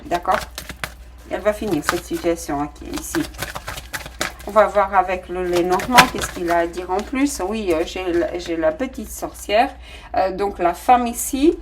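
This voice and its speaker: A woman's voice: fairly low pitch, moderate pace, very noisy. A woman with a non-native French accent giving a casual tarot reading, talking straight to her viewers with many fillers and restarts. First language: not French. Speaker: tarot reader.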